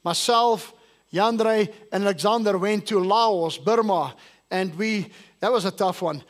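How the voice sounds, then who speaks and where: At a church service, a male pastor from South Africa delivers his sermon at a measured pace, his voice high-pitched. He quizzes the congregation as he goes, speaking English as a non-native language.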